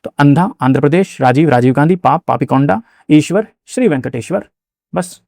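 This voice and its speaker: A man gives an exam-prep lesson in a loose, chatty manner, circling back to repeat each memory trick. His voice sits a little high for a man. The sound is close and dry, with no room echo. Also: lively intonation, moderate pace, creaky, darkish tone. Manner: casual, chatty, repeats key words with fillers. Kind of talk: mnemonic-based geography lesson.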